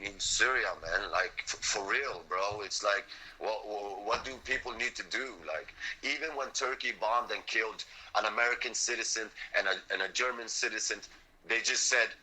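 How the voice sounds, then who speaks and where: A young Swedish man who fought on the front line speaks as an interview guest in a fairly low, sharp-toned voice, captured on a low-quality recording. His impassioned talk is intense and blunt, peppered with swearing and constant use of "man" and "bro."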